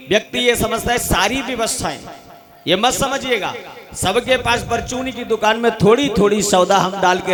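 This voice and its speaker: A man, giving a folksy devotional scripture discourse to a gathering at an ashram and addressing the crowd directly. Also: high voice. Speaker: kathavachak preacher. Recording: background music under the voice.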